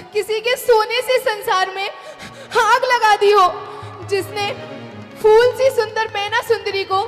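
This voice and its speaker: A woman playing a remorseful king who begs his daughter for forgiveness, in an anguished, pleading stage declamation. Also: extremely high pitch. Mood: self-reproach. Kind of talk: stage play dialogue. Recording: reverberant hall with background music.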